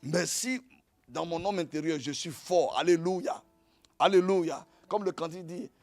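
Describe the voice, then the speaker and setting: A middle-aged male pastor preaching a sermon in a lively storytelling way, going from quiet asides to loud exclamations. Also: on the high side, measured pace, no echo, faint music behind.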